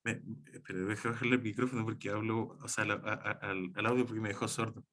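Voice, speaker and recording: A man's voice: lowish voice, steady tone, quick pace, fairly bright tone, slight background noise. A man teaching an online class, explaining with many examples and correcting himself as he goes.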